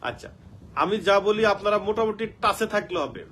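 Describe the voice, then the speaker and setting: A man's voice: sits high, sing-song, a little fast, fairly bright tone, a little hiss or hum. A man with a Bangladeshi Bengali accent teaching an online law class from home, rattling off section numbers and checking in with his students.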